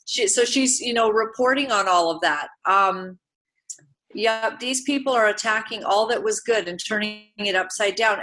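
A woman's voice: a little high, sharp tone, rough recording. A woman born in Uganda hosting a political talk show, speaking earnestly and emphatically. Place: Vancouver area.

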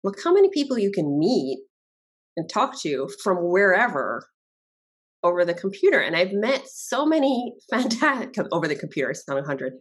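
A woman's voice: medium pitch, sing-song, moderate pace, breathy edge. A woman from Barbados, a guest chatting casually in an interview and laughing often.

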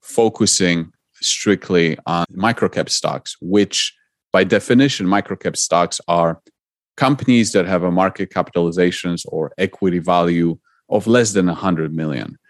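A middle-aged man from Poland, guesting on a podcast, earnestly explains his investing path in interview answers, sometimes restarting his sentences. His low voice moves at normal speed in a dry, clean studio recording.

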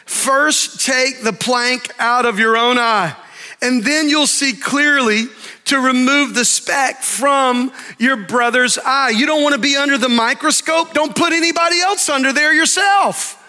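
A pastor preaching in a big sanctuary, his voice very high and bright, ringing out with a long hall reverb. He preaches in an animated way, slowing down for emphasis and acting out the voices in his stories. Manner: animated preaching, dramatic pauses, acts out story voices. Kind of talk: sermon.

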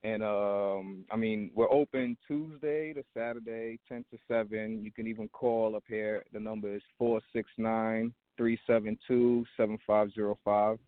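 A man's voice: on the low side, moderate pace, few pauses, dry recording. A man from Trinidad talks about his barbershop in an easygoing, rambling way, full of "you know" and "like." He calls in over a thin, tinny phone line. The sound is dry and close, with no room around his voice. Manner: relaxed, rambling with many fillers. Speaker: barbershop owner, guest. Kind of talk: casual interview chat.

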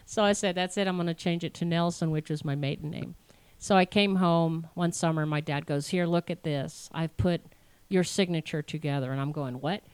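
A woman's voice: deep voice, normal speed, hardly any pauses, darkish tone, smooth. A middle-aged woman artist telling her life story in a casual interview, chatty with many fillers and restarts. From born in Washington, D.C., raised in Connecticut and Virginia. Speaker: professional artist, interview guest.

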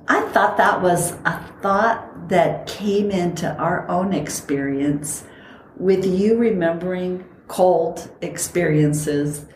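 A middle-aged woman from Costa Rica co-hosts a podcast, telling stories in a reflective, chatty way during casual conversation. Her voice is lowish, and the recording has an echoey room with a little hiss or hum.

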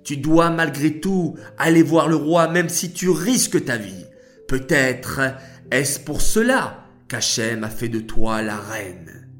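A man's voice: fairly high pitch, slow pace, a bit bright, faint music behind, pitched above the performer's own voice. A man voicing a grieving older man in a children's story, wailing and pleading earnestly. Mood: urgent. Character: grieving older male cousin, wise.

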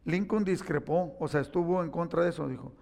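This sermon comes from a man whose voice is on the high side, fairly quick and touched with vocal fry. He tells stories with animation and acts out the quoted lines, all in an echoey hall.

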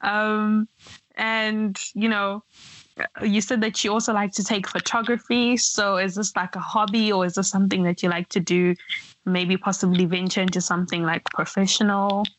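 A woman's voice: medium pitch, little pitch movement, moderate pace, dry recording, rough recording. A woman hosting a podcast interview, upbeat and encouraging with her guest. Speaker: podcast host.

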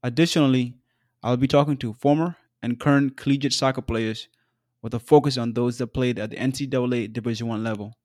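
A man in his twenties from South Sudan, hosting his own podcast in an earnest, measured solo narration with occasional fillers. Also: medium pitch, steady tone, a little mellow, no room sound, studio quality. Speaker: podcast host.

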